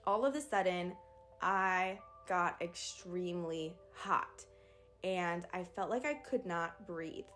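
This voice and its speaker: A woman's voice: fairly low pitch, slow pace, soft background music. Young woman telling a birth story. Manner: candid, animated retelling with acted quotes. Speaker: vlogger. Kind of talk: casual storytime.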